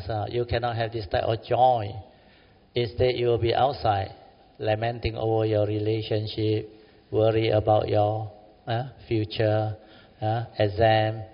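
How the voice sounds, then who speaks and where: A Buddhist teacher with a fairly low-pitched voice and a Malaysian English accent delivers a dharma talk at a meditation center, urging listeners on in a colloquial way and often adding "huh?" to his sentences. The sound is that of a large hall, with the highs cut off.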